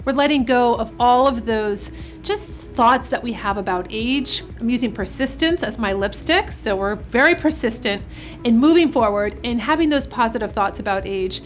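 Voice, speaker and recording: A makeup artist hosts a beauty tutorial vlog, giving her viewers an upbeat, encouraging pep talk. Her voice is a little high with lively intonation, she keeps a moderate pace, and soft music plays behind her.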